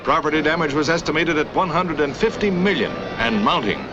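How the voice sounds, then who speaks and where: A man's voice: on the high side, fairly quick. A man narrating an old newsreel in a dramatic, declamatory style. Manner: urgent, declamatory delivery. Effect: old newsreel soundtrack. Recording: dull lo-fi old newsreel sound with music under it.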